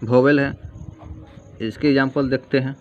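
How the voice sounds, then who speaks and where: A man's voice: medium pitch, fairly even intonation. Teacher man quizzing himself aloud. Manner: asks questions and answers them himself; repeats key terms slowly. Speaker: English grammar teacher. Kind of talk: classroom-style grammar lesson. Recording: dull lo-fi sound with faint noise.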